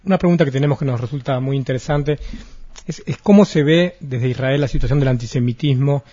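A man's voice: medium pitch, a little fast, warm tone, breathy edge. A man asking an interviewee long, carefully framed questions. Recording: muffled lo-fi recording.

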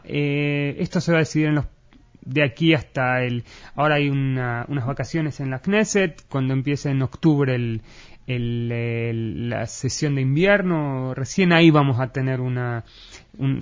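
A man's voice: medium pitch, moderate pace. Man, Argentine accent, interviewee, hesitant with fillers, muffled recording. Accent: Argentine Spanish. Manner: hesitant, many fillers and restarts. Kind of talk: analytical interview talk.

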